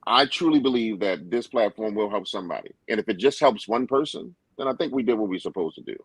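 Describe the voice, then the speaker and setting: A man's voice: on the low side, animated, fast, breathy edge, no echo. A man speaking earnestly as a panelist in a discussion, with a preacher-like emphasis.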